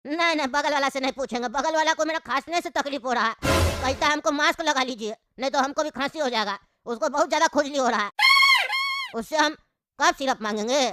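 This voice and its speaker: A woman's voice: sits high, fast, noisy background, lightly acted. Woman voicing a coughing, grumbling old man. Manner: coughing, complaining, rambling. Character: sick old grumbling father on a plane. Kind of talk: comic cartoon voice acting.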